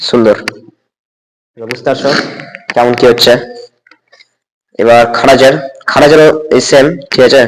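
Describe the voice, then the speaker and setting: A man's voice: medium pitch, fairly even intonation, long reverb tail, a little hiss or hum, low-quality recording. A man teaching Quran reading, spelling out letters and vowel marks one by one and checking with the learner again and again. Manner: spells out Arabic letters and vowel marks slowly, then drawn-out recitation; patient, checks understanding with repeated "okay?".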